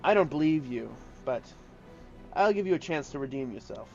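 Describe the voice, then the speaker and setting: A man's voice: a little high, expressive, moderate pace, gravelly, darkish tone, dull audio, soft background music. A man voicing a sinister gaunt male captain, cold and menacing.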